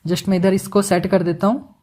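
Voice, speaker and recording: Chatty man teaching animation software. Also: high-pitched, little pitch movement, moderate pace. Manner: chatty, joking asides, mixes English words into Hindi. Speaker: animation tutorial instructor. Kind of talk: casual screen-recorded software tutorial.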